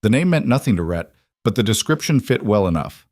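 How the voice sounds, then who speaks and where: A man's voice: fairly low pitch, very animated, a little fast, darkish tone, no room sound, studio quality. A man reading a dramatic western story as scripted narration.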